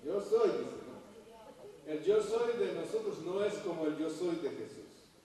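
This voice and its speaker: A man delivers a sermon in a big hall, heard from a distance with a long echo. His voice is mellow and somewhat high. He gets animated and loud when he acts out quotes and asks questions. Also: normal speed. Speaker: preacher. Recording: echoey hall heard from far off.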